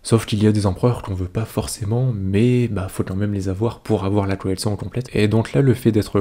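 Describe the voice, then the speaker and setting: A man's voice: on the low side, dark tone. A man, casually commenting on a coin collection, hesitant and thinking aloud with many fillers. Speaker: coin collecting video host.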